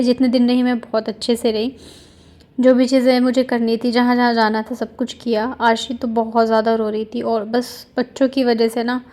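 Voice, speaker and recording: A woman's voice: on the high side, darkish tone. A woman vlogger narrating in a chatty, confiding and heartfelt way, full of casual fillers.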